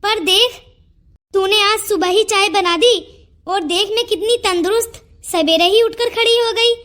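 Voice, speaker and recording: A woman's voice: very high-pitched, measured pace, fairly bright tone. A woman voicing a chatty older aunty in a cartoon story who showers fond praise. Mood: praising. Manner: effusive, fond.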